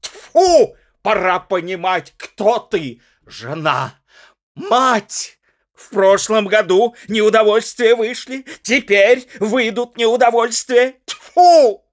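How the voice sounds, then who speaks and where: A man reading aloud, voicing a slightly drunk, jealous husband who shouts and berates his young wife in high, strained yells. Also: expressive, very slow, dry recording, studio quality, full character voice. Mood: bellowing. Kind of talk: dramatic audiobook reading.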